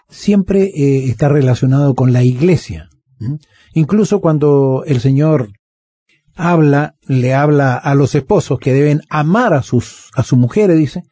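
A male pastor speaks on a religious radio program in a warm, pastoral manner, reading scripture aloud and explaining it. His voice is dark and a little husky. The sound is close and dry. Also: fairly high pitch, no echo. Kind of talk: Bible study conversation.

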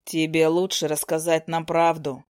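A woman voicing an earnest young male healer who speaks slowly, softly and firmly, in a storybook reading. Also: deep voice, no echo, studio quality, pitched below the performer's own voice, natural voice. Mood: earnest, questioning. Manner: slow, soft, persuasive.

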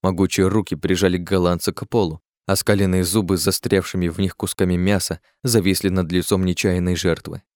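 A man giving scripted audiobook narration in a measured, expressive way. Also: low-pitched, no room sound, studio quality.

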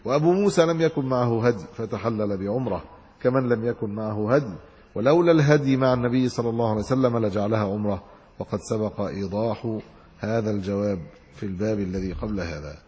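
Husky male scholar in a reverberant hall. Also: on the low side, fast, warm tone. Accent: Egyptian Arabic. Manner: reads classical text then explains in colloquial asides. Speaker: Islamic scholar teaching hadith commentary. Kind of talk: religious lesson explaining a hadith text.

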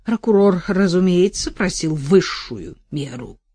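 A woman's voice: lowish voice, sing-song, a little slow, dark tone, husky, no room sound, exaggerated voice. A woman reading an audiobook voices a talkative, self-satisfied male lawyer who gushes and then grows irritated and lectures. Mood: effusive.

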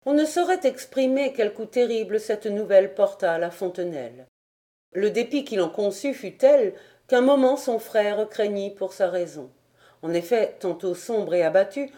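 A woman narrates a historical novel in a steady, measured voice. Her tone is mellow and soft-edged, at an average pitch for a woman. It is plain audiobook reading. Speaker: audiobook reader.

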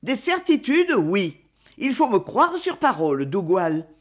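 Grave secretive countess mom, soft but insistent, lots of swing in the voice, narrator doing her. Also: medium pitch, sing-song, measured pace. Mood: grave warning. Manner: solemn, insistent, softly grave.

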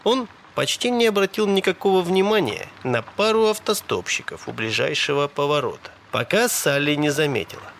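Man narrating a dark audiobook. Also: a little high, moderate pace, vocal fry, few pauses, slight background noise. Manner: steady storytelling with dramatic voices.

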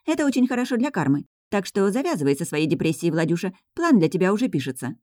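A woman reading aloud, voicing a loud, pushy young woman who teases her friends. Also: on the low side, very animated, fast, dry recording, clean studio sound, voice pushed up. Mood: bossy. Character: brash bossy young woman, scheming friend.

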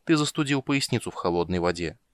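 A man voicing a calm young male mage with a dry, sarcastic, measured manner in an audiobook. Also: deep voice, dry recording. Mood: firm.

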